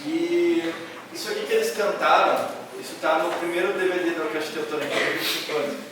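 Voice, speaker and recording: Male instructor, loud and rambling, heard from afar in a very echoey hall. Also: fairly high pitch, fairly even intonation, brisk, noisy background. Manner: loud, nearly shouting, with many fillers and restarts. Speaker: music workshop instructor. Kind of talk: workshop explanation to students. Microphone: camera from a distance. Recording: echoey hall recorded from far off.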